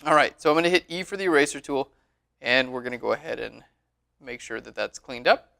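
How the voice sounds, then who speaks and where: In a screen-recorded photo editing tutorial, a man chats in a relaxed way and keeps saying "all right." His mid-range voice is gravelly, and he moves at a brisk clip.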